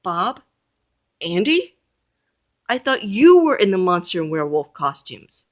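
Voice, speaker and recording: A woman's voice: mid-range voice, big pitch swings, normal speed, a bit bright, voice pushed up. A woman voicing a proud, cheerful male fire chief from a toy storybook, speaking in an upbeat, praising way.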